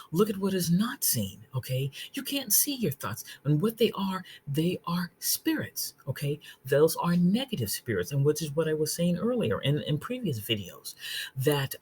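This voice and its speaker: An online Bible teacher with a low, sing-song, slightly mellow voice and a breathy edge gives an informal study talk. Earnest in explaining the verses, she reads scripture slowly, restarts her phrases, and often checks in with "okay?"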